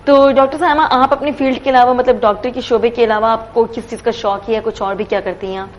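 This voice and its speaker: A chatty woman hosts a talk show in a fairly high voice and often slips English phrases in. There is a faint hiss behind her in the studio. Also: fairly even intonation, dull audio. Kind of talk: casual chat.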